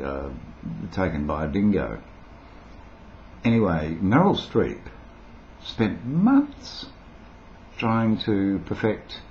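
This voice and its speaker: A man's voice: sits low, darkish tone, slight background noise. A man in his sixties with a mild Australian accent, a former radio broadcaster, chatting eccentrically and playfully in a casual vlog. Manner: playful, eccentric, rambling with frequent chuckles. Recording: dull lo-fi home recording.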